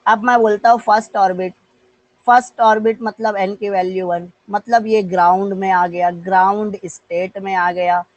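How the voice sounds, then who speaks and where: A man's voice: sits high, fairly even intonation, normal speed, highs cut off. A male physics teacher with an Indian accent, giving an online live class and coaxing students with questions. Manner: mixes Hindi with English terms.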